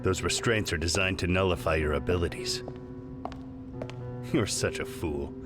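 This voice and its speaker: In a scripted video game cutscene, a man plays a detached, condescending middle-aged research scientist at a hospital. His low voice, close to an everyday one, stays clinical and matter-of-fact at a moderate pace, with music in the background.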